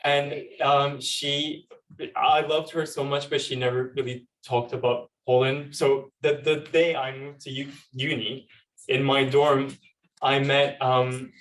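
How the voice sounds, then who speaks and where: On a university panel, a young Turkish law student and activist tells personal stories informally and a little hesitantly, saying "like" a lot. His mid-range, slightly bright voice is flat and slow. A distant microphone captures the live event.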